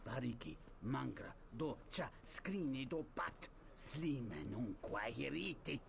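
A man's voice: medium pitch, very animated, takes it slowly, full character voice. An actor playing an argumentative alien townsman in a video game, speaking an invented tongue emphatically. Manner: emphatic gibberish speech. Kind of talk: video game creature dialogue. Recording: clear background game noise.

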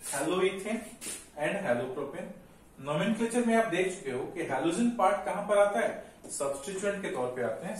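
Man, chemistry teacher, somewhat high voice, very echoey room, distant mic. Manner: explains step by step, asking and answering his own questions. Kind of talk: classroom lecture. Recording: echoey room, mic far off, faint noise.

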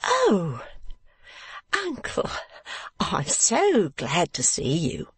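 A man voicing a fussy, self-important married woman of Victorian London who gushes and frets in a high voice. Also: wildly swooping pitch, extremely slow, husky, no echo, exaggerated voice. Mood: effusive. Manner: gushing, shrill, fawning.

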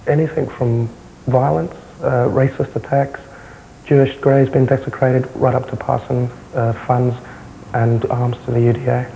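A young man with a South London accent, answering interview questions in a matter-of-fact, halting way. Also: medium pitch, level tone, creaky, warm tone, a little hiss or hum, poor audio. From South London, England. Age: young adult. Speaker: interviewee, former far-right insider. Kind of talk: candid television interview. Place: indoor television interview, close camera.

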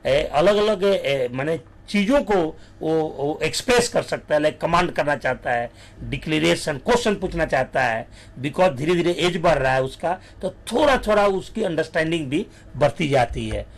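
A man giving a lecture, moving between Hindi and slow, dictated definitions. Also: on the high side, animated. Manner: mixes Hindi with English terms, slows to dictate definitions.

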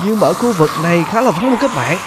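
A man voicing a glitched male zombie demon with a raspy, croaking voice, excitedly exclaiming to viewers. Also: high-pitched, fast, background noise. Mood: alarmed.

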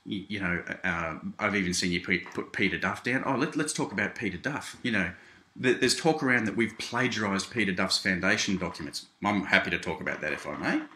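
A man's voice: sits low, sharp tone, roomy sound. An Australian man speaking straight to the camera from his small home office, calling the listener "mate" and often restarting his sentences. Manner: conversational, keeps addressing the listener as "mate", with frequent restarts. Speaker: seminar presenter. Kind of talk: direct-to-camera video response.

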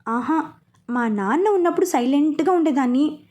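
A woman's voice: high-pitched, expressive, warm tone. A woman voicing a bubbly teasing young heroine. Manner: bubbly, teasing, quick to mimic. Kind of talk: storybook dialogue reading.

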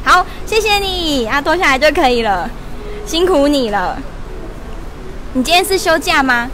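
A bubbly young woman with a high voice chats and giggles through a live-stream shopping promo. She talks into a hand-held lapel mic inside a large mall store, with faint shop ambience behind her. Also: big pitch swings, normal speed, a bit bright, a little hiss or hum. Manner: bubbly, laughing, chatty. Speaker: livestream shopping host. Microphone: wired lapel mic held in hand.

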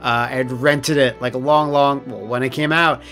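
A man giving casual, excitable and jokey gameplay commentary, swearing freely. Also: mid-range voice, moderate pace. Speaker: host of a video game playthrough. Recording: voice over game music. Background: game soundtrack music.

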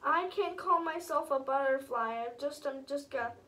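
Storybook butterfly boy, crinkled wings, earnest and pleading, bright high voice, read by a woman. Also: normal speed. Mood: forlorn. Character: sad young male butterfly with crinkled wings.

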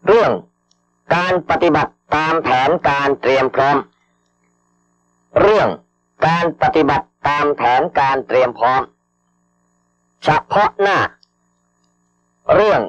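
A man slowly dictating official government orders over radio, formal and measured, repeating each phrase and reading out the punctuation. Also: a little high, animated, a bit bright, slight background noise. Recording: dull lo-fi archival radio broadcast.

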